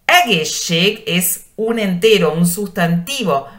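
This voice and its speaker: A woman giving a radio language lesson, patiently explaining and slowly drawing out each word she teaches. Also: lowish voice, expressive, a bit bright. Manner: slow, drawn-out pronunciation of words; patient explaining with rhetorical questions.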